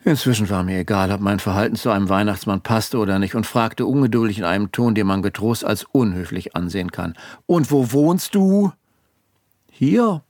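A man's voice: lowish voice, fairly even intonation, fast, hardly any pauses, dry recording. A man narrating a first-person story in a dry, wry tone. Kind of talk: audiobook storytelling. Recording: dry close studio recording.

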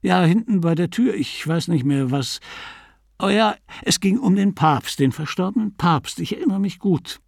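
A man reading an ailing, touchy middle-aged Dublin man in a raised, animated voice. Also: high voice, moderate pace, creaky, dry recording, studio quality, pitched above the performer's own voice, heavily acted. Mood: reminiscing.

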